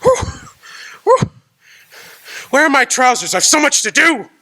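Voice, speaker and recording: An actor playing Ebenezer Scrooge, an old miser turned giddy and joyful, in a radio drama, with an exuberant, laughing, theatrical delivery. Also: male voice, extremely high pitch, wildly swooping pitch, a little slow, background noise, heavily acted.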